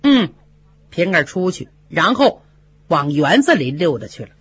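Lively storyteller with swinging pitch. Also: moderate pace, breathy edge, dry recording. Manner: lively, conversational, asides to listeners. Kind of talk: classic novel storytelling. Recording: dry, slightly dull lo-fi recording.

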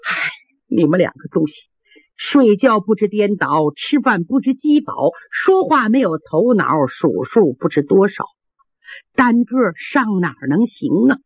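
A stern elderly mother , as a storyteller puts her on, speaking in a low, scolding voice. The sound is dry and tinny, like a phone line. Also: very animated, measured pace, husky, no room sound, heavily acted. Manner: scolding, lowered voice.

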